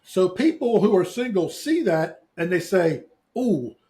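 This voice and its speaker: A man's voice: high-pitched, sing-song, a little slow, dark tone. A middle-aged man co-hosting a casual talk show, earnestly giving life advice, often restarting his sentences. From Eastern Shore, US. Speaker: podcast co-host. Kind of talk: casual chat.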